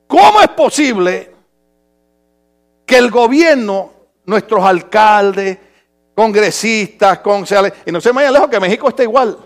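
In a theatrical, funny sermon before his congregation, a very high-pitched man acts out conversations by imitating different people. His delivery lurches from quiet, muttered asides to long, stretched-out shouts.

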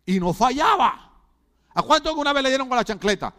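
A man's voice: extremely high pitch, animated, a little fast, bright, forceful tone. A middle-aged Puerto Rican man preaching a sermon, throwing rhetorical questions at the congregation with humorous asides. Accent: Puerto Rican Spanish. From Puerto Rico. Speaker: pastor.

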